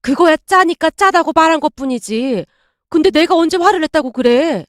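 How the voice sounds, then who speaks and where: A woman's voice: high-pitched, lively intonation, normal speed, no room sound, studio quality. A woman voicing an elderly widowed grandmother who speaks with indignant, old-fashioned phrasing. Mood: defensive.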